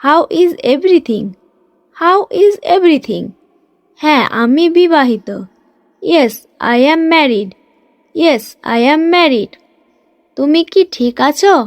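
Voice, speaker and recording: Brief: high-voiced woman teacher, drilling short phrases in a dry close recording. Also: expressive, no room sound. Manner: reads each Bengali phrase briskly, then says the English slowly twice. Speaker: English teacher.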